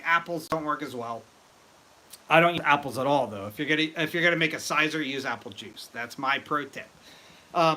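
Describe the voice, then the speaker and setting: A man hosting a casual live stream about brewing mead, excitable and rambling as he chats with viewers. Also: fairly high pitch. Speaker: livestream host.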